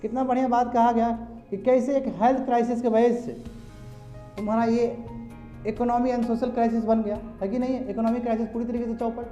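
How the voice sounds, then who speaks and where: A man's voice: very high-pitched, little pitch movement, fairly quick, mellow, faint music behind. A man lecturing a class, chatty, calling on students directly and mixing in English terms. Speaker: teacher. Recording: echoey classroom, slightly dull.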